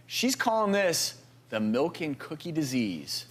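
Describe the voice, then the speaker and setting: A man hosting a TV talk show, introducing a guest in a lively, upbeat way. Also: fairly high pitch, unhurried. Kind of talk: hosting a studio segment.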